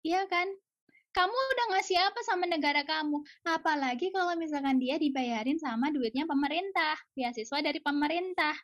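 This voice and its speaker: In a casual, opinionated podcast interview, a woman from Indonesia who researches in Japan speaks emphatically and bluntly, peppering in rhetorical questions and the odd English phrase. Her voice is high, fairly quick and fairly bright, on a dry, clean studio recording.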